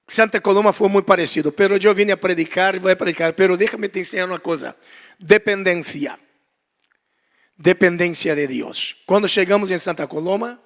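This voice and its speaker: A man from Brazil, speaking with a Brazilian Portuguese accent, preaches a story-driven sermon in a high voice. He acts out the dialogue, sinks to a hushed prayer and then presses hard on key lines. His voice rings with the long reverb of a church hall. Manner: dramatic storyteller, acting out dialogue, swings from quiet prayer to loud emphasis. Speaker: guest preacher.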